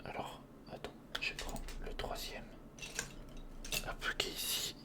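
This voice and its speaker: A male ASMR video host speaks in a slow, breathy, mostly voiceless whisper during a casual, improvised build-along, chatting to the viewer and muttering hesitantly to himself.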